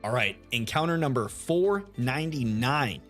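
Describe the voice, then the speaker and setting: Over soft lo-fi music, a man streams a shiny hunt and chats casually with his audience, calling out chat members by name. His deep radio-style voice is animated but relaxed, moving at a moderate pace.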